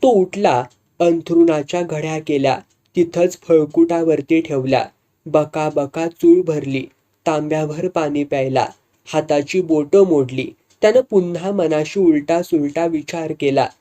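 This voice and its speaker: A man's voice: on the high side, a little slow, warm tone. A man narrating a rural folk story in an earthy, vivid way.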